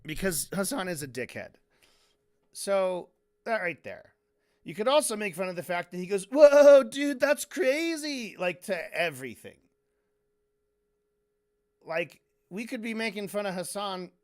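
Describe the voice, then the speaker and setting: A man's voice: sits high, expressive, normal speed, long pauses, fairly bright tone. A man commentating on a stream in a casual, profane way, breaking into mocking impressions.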